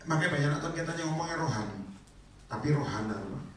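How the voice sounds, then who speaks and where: Animated preacher man in an echoing hall. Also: fairly high pitch, rapid-fire. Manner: animated, colloquial, teasing the congregation. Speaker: evangelist. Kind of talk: charismatic sermon. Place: prayer meeting hall. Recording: echoey hall, mic far off, faint noise.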